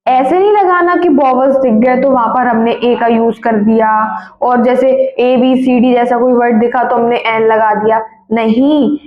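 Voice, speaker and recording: A woman's voice: fairly high pitch, fairly even intonation. A woman teacher giving a classroom grammar lesson. She repeats words often and keeps asking her students questions. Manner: corrects her own slips with quick apologies. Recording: echoey room, dull lo-fi sound.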